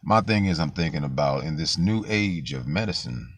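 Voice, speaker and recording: A man talking casually in a loose, slangy monologue, his voice deepened and roughened by the flu. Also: animated, normal speed. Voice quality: very deep, gravelly voice. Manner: loose, street-slang talk with frequent fillers and swearing. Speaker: vlogger.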